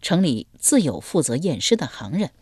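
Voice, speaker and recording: A woman narrating a historical novel as an audiobook, in an expressive storytelling cadence. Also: deep voice, normal speed, husky, no echo, clean studio sound.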